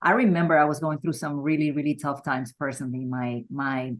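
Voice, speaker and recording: A middle-aged woman with a notably low voice. She tells her career story candidly and with animation, as an interview guest. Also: fairly even intonation, brisk.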